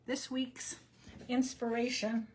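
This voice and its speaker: A woman's voice: a little high, little pitch movement, takes it slowly, slight background noise. A middle-aged woman hosting a live card-making tutorial, chatting casually and joking at herself as she works. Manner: chatty, self-deprecating, thinks aloud. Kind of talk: casual live crafting demo.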